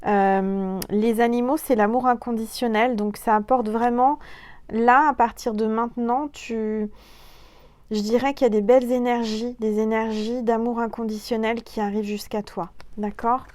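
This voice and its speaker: A woman's voice: a little high, fairly even intonation, normal speed, darkish tone, no room sound. A woman giving a casual spiritual card reading to camera, talking to the viewer directly with many fillers and small hesitations, recorded on a phone at home. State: coughing, throat irritated. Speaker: tarot and oracle card reader.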